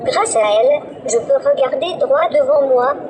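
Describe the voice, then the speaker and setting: Cheerful humanoid robot with a synthetic female voice. High, even text-to-speech read on a noisy exhibition floor. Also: moderate pace. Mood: chipper. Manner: even, politely scripted delivery. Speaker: demonstration robot presenting itself.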